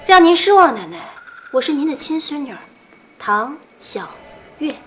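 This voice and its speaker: A woman's voice: high-pitched, sing-song, normal speed, a bit bright, a little hiss or hum. An actress playing a cruel, scheming young woman with a sneering, menacing manner in a short drama. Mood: smug.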